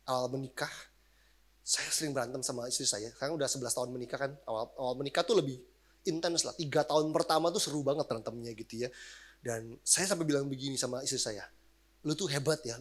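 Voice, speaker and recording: A man, a pastor giving a casual sermon, animated and slangy in his asides. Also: medium pitch, quick pace.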